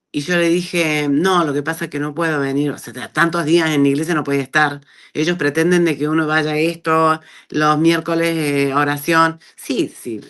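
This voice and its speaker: A middle-aged woman with an Argentine accent, telling her personal testimony in a conversational way and acting out the dialogue she quotes. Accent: Argentine Spanish. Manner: animated storyteller who acts out quoted dialogue with big pitch jumps. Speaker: guest giving a testimony.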